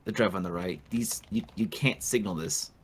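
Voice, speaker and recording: A man co-hosting a casual video game review, speaking calmly and matter-of-factly. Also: low-pitched, moderate pace, slightly rough. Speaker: co-host. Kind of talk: casual gameplay review chat.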